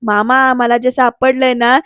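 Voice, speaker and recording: A woman voicing an excited young niece who talks eagerly. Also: on the high side, unhurried, clear, resonant tone, no echo, clean studio sound.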